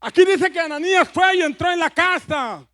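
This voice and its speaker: Fervent high-voiced man preaching. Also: normal speed, fairly bright tone. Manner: fervent, repeats phrases, leads congregation call-and-response. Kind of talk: sermon.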